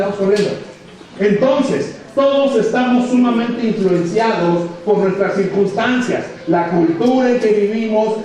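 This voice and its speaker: A man's voice: high voice, darkish tone. A man with a Mexican accent, preaching a sermon as pastor, speaking emphatically and acting out dialogue. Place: church hall. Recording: echoey church sound from far off.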